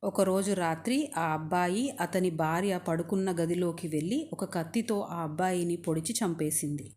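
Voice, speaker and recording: A woman storyteller narrating a devotional tale in a calm, steady way. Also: on the low side, moderate pace.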